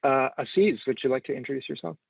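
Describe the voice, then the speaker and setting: A man's voice: medium pitch, fast, creaky, husky, no echo. A man hosting introductions on a video call, brief and encouraging as he calls on each person. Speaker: host. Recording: tinny phone-like call audio.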